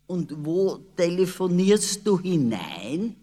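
A man playing a playful, mischievous father who talks in a loud, teasing, boisterous way. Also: high-pitched, sing-song, takes it slowly, voice pushed up, exaggerated voice. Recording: long reverb.

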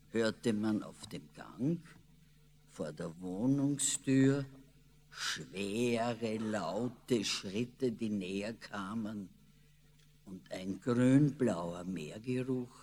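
A man narrating a children's story in a slow, expressive way. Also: fairly low pitch, a little hiss or hum. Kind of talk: storybook reading. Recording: long reverb.

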